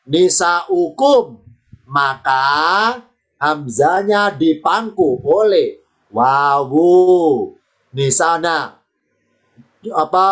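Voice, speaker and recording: A man teaching Quran reading in an online lesson, patient, repeating words and asking rhetorical questions. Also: high voice. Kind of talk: online lesson with screen sharing.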